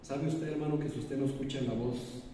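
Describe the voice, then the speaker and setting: A man's voice: medium pitch, steady tone, brisk, dark tone, a little hiss or hum. A man, preaching a sermon as pastor, asking his congregation rhetorical questions. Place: church sanctuary. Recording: echoey church hall, preacher far from mic.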